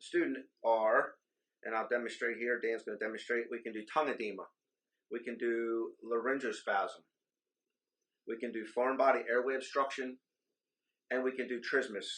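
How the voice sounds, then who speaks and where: A man's voice: medium pitch, a bit bright, rough recording. A man, a simulation program administrator, giving a methodical instructional walkthrough of equipment in a hospital trauma bay simulation lab. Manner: explanatory, methodical, occasional ums.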